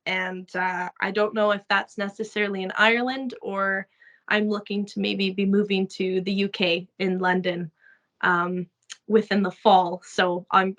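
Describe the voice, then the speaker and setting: Young canadian woman, bright voice, chatty interview, lots of ums. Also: mid-range voice, fairly even intonation, a little slow, poor audio. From Saskatchewan, Canada. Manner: chatty, many fillers, laughs often. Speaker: actress interviewee. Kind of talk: casual interview chat.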